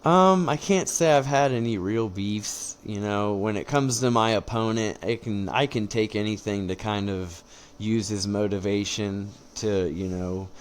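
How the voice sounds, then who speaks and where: Male competitor as interview guest, low register, measured and conversational, faint noise behind. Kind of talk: casual podcast interview chat.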